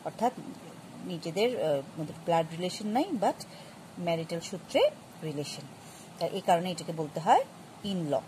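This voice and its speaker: A woman teaching a grammar lesson, explaining patiently to students with many pauses and restarts. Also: on the low side, very animated, darkish tone, a little hiss or hum, low-quality recording. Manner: patient, addresses students directly. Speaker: English teacher.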